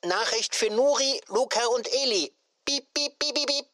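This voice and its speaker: A woman's voice: a little high, moderate pace, fairly bright tone, no room sound, clean studio sound, lightly acted. A woman voicing a beeping electric newt that works as a sci-fi communicator device, chattering in a mechanical, stuttering way in a children's audio story.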